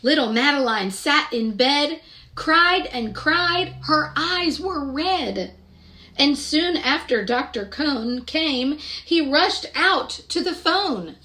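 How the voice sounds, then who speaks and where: Bright, high-voiced woman reading to children. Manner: expressive, deliberate, child-directed delivery. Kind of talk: picture-book read-aloud with questions to young listeners.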